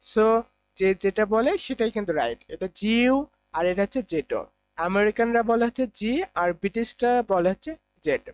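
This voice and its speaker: A man's voice: high-pitched, animated, moderate pace. A young man gives an online English grammar class. He asks questions and then answers them himself, repeating each point. The sound is dry and a little dull, with no room echo. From Bangladesh. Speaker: English teacher.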